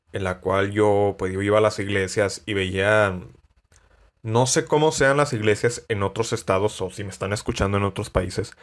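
A young man from Mexico with a Mexican Spanish accent, talking alone on his podcast in a reflective, halting way with many restarts. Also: on the low side. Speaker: podcast host. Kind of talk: reflective solo podcast monologue.

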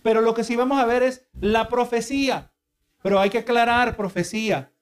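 A man's voice: very high voice, steady tone, normal speed, clear, resonant tone. A male preacher giving a sermon, earnest and explanatory, who keeps asking the congregation for agreement. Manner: asks the congregation for agreement again and again; earnest, explanatory, with repeated restarts.

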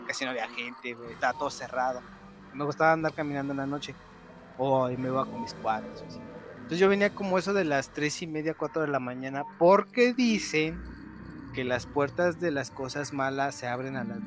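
A man with a Mexican accent telling a spooky story in casual, slangy chat, acting out shouts as he goes. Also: medium pitch. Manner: animated, slangy, mimics shouts while telling a tale.

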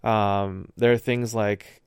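A man's voice: on the low side, steady tone, slow, a little mellow, clean tone, no echo. A man in casual chat about a film, thoughtful and searching for words with frequent fillers. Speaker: podcast co-host discussing a film.

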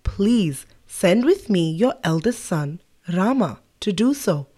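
A woman voicing a mighty, stern old male sage in a children's story, booming and scolding. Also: very animated, slow pace, dark tone, slightly rough, heavily acted. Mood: pleading.

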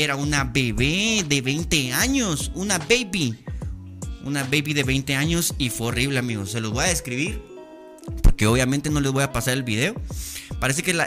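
A young Guatemalan man hosting a podcast, telling stories in casual, slangy, playful chat. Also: mid-range voice. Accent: Guatemalan Spanish. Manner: animated, slangy, playful storytelling. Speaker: podcast host.

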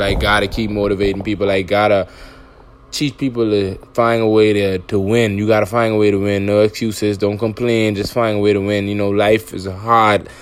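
A man's voice: lowish voice, a little hiss or hum. A man hosting his own podcast, talking directly to listeners in a repetitive, exhorting motivational monologue, full of restarts. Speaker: podcast host.

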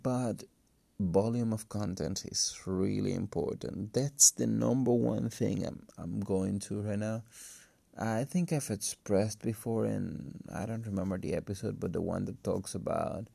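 A man who is a non-native English speaker, talking casually and haltingly in a solo podcast, with a cracking voice. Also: lowish voice, gravelly, mellow, breathy edge, no room sound. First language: not English. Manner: halting, hesitant, thinking aloud. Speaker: podcast host. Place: empty room. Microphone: phone.

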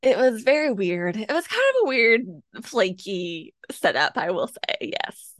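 A woman's voice: fairly high pitch, big pitch swings, unhurried, a bit bright, no echo. Chatty woman with a dry close sound. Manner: chatty, lots of "like" and "kinda". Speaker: podcast co-host. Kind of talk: casual book club chat. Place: home, with her cat nearby.

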